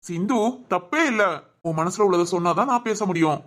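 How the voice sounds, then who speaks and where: Cartoon voice: woman playing a brisk, reassuring older brother, mid-pitched, fast talker. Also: lightly acted. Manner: gentle, coaxing, affectionate teasing. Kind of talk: cartoon voice acting.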